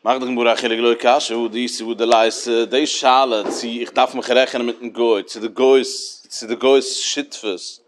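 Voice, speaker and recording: A man's voice: medium pitch, little pitch movement, moderate pace, hardly any pauses, a little hiss or hum. A man teaching a Talmud lesson in a sing-song study cadence with many fillers.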